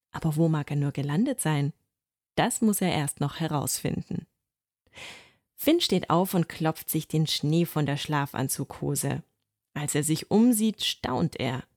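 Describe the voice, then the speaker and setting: A woman narrating a children's storybook in a calm, gently expressive reading. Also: low voice, breathy edge, no room sound, studio quality.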